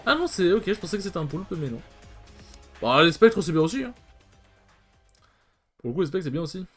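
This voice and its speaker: Brief: male let's play host, loose and chatty, swears casually, quite animated. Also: high-pitched, a little fast, slightly rough, faint music behind. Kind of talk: casual gameplay commentary.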